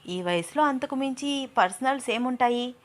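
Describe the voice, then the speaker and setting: A woman voicing a bold, quick-tongued young woman in an audio story, teasing and sharp-spoken. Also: sits high, animated, pitched above the performer's own voice. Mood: curious, playful. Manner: teasing, then sharp and scolding.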